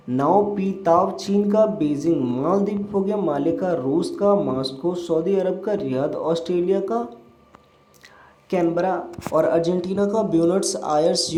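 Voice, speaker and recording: A male teacher reciting a quick revision list for a lesson, rattling items off one after another with fillers. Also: high-pitched, dark tone.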